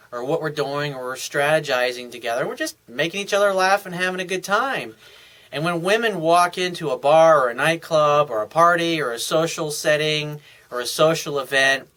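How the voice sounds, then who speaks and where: Bright-voiced tired man giving advice. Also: a little high. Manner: loose, conversational, with many fillers and restarts. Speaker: dating coach. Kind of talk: casual advice monologue.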